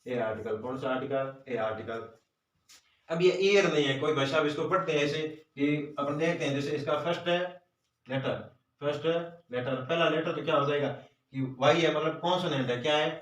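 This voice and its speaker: Echoey far-off Hindi-accented teacher. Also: male voice, fairly high pitch, normal speed. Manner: repeats questions and answers them himself. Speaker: grammar teacher. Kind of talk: classroom lesson. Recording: roomy echo, voice from far off.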